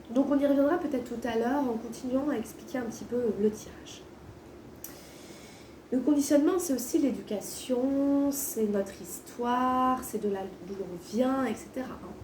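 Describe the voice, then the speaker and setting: High mellow woman doing card readings, bit hoarse like swollen tonsils, echoey room. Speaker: tarot card reader, host. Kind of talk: casual spoken tarot reading. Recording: roomy echo, distant mic, faint noise.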